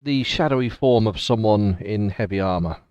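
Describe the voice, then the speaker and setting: A man's voice: lowish voice, normal speed, darkish tone, smooth, no echo, dull audio. A man acting as game master, casually improvising narration for a tabletop role-playing game.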